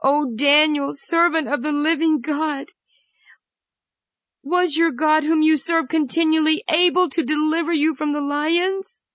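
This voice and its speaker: A woman's voice: a little high, measured pace, no room sound, voice pushed up, natural voice. Solemn ancient king, put on by a woman storyteller, raised and pleading, dull dry recording. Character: grieving ancient male king, solemn and commanding.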